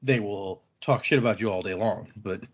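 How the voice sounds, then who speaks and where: A man hosts a relaxed book podcast, summarizing a novel at normal speed in a fairly low voice with a breathy edge. He loosely voices characters' lines and swears occasionally. High frequencies are cut off in the recording.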